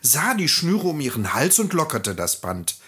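A storyteller reading a fairy tale aloud in an expressive, lively way. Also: medium pitch, moderate pace, slightly rough.

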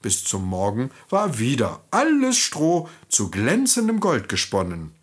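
A man reading a fairy tale aloud to children in an expressive storytelling manner. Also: mid-range voice, a little slow, breathy edge.

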